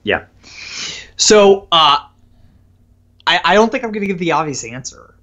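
A man in his thirties speaking as a guest author in a podcast interview, energetic and talkative, repeating words as he starts a thought and often adding "right?". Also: high voice, unhurried, dull audio.

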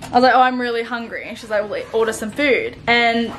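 A woman's voice: fairly high pitch, a little fast, a bit bright, reverberant, low-quality recording. A young woman, telling stories in a chatty, giggly vlog style with lots of "like". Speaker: vlogger. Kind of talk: casual vlog chat.

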